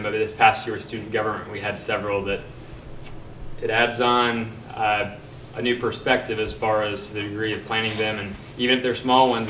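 A young man giving a prepared campaign closing speech as a candidate, earnest and halting with pauses. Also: fairly low pitch, fairly bright tone. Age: young adult. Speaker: political candidate. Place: meeting room, at a podium. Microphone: podium mic, picked up by distant camera. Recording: roomy, distant mic, faint background noise.

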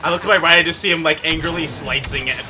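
A young man hosting a casual gaming chat with friends, excitable and quick to yell and laugh. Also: fairly high pitch, background noise. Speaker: channel host and gamer. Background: loud game music and battle sounds.

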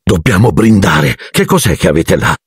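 A man voicing an excitable, enthusiastic middle-aged wizard father. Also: sits low, moderate pace, husky, no echo, clean studio sound, heavily acted. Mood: excited. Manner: excited, indignant bursts.

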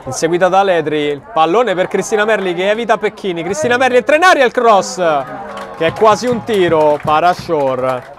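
A man giving live football commentary with breathless, excited goal calls. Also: a little fast, over music. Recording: crowd noise, outdoor pitch. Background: crowd at a small outdoor football ground.

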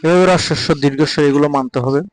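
A man with a Bengali accent giving a patient spoken pronunciation lesson, repeating example words slowly. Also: fairly high pitch, fairly even intonation, dry recording, poor audio. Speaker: Sanskrit recitation teacher.

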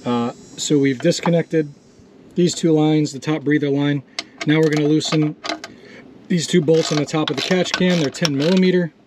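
A man's voice: fairly high pitch, steady tone, normal speed, background noise. A man walking through a jet ski repair step by step in a casual, practical way, filming it himself outdoors. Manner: casual, step-by-step, swears when frustrated. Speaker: DIY mechanic host. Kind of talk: hands-on repair tutorial.

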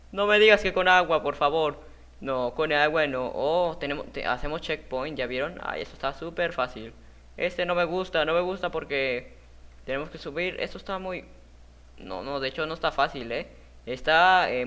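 A man's voice: mid-range voice, a bit bright. A man hosting a gaming video, talking viewers through a parkour map in a chatty way and yelping and laughing when he falls. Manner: chatty, talks to viewers while playing; jumpy, yelps and laughs at his own falls. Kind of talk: let's-play gameplay commentary.

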